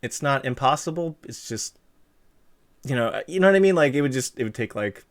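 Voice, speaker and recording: A young man with a mid-range, expressive voice and a brisk pace hosts a live stream, interviewing a guest. He chats casually and reads out viewer comments in a rambling, easygoing way, full of fillers and restarts.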